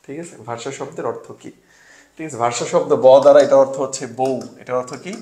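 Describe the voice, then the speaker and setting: A man's voice: mid-range voice, quick pace, dark tone, echoey room. A young man from Bangladesh tutoring an admission test class in a casual way. He asks questions and answers them himself, and he drops English words into his talk. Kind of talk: casual online exam-solving class.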